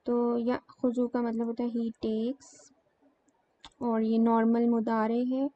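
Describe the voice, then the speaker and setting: Slow, flat-voiced woman teaching grammar. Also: fairly high pitch. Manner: slow, explains step by step with many fillers. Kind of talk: grammar lesson. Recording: dull lo-fi sound with faint noise.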